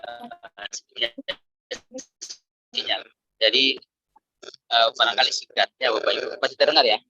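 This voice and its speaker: A man, the head of a regional education office, giving formal webinar remarks in a measured, hesitant way over an online connection that keeps breaking up. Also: mid-range voice, big pitch swings, sharp tone, slight background noise. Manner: measured, hesitant with many fillers. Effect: choppy, breaking-up online connection. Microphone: video call. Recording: dull, dry video-call audio that cuts out.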